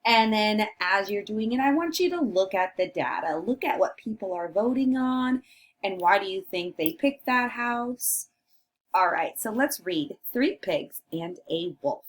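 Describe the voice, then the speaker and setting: A woman's voice: mid-range voice, expressive, a little slow. A woman teacher reading a picture book aloud to children and coaching them to read along. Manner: instructive, coaxing children to join in.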